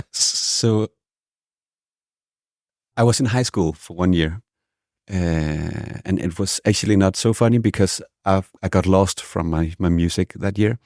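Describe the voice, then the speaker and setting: A man's voice: low voice, measured pace, long pauses, darkish tone, no room sound, studio quality. A man from Denmark, a guest musician, answering interview questions casually and hesitantly, with many restarts.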